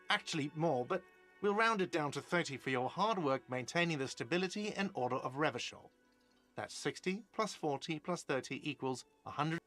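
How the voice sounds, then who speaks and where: An actor voicing an irritable, sarcastic hostel manager in a detective video game who scolds a guest about an unpaid bill. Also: male voice, mid-range voice, fairly bright tone.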